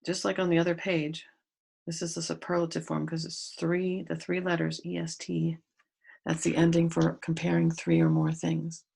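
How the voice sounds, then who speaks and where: A woman's voice: low-pitched, lively intonation, moderate pace, vocal fry, a little mellow, breathy edge. A woman teaching a grade school grammar lesson to pupils at home, patiently explaining step by step and spelling out letters.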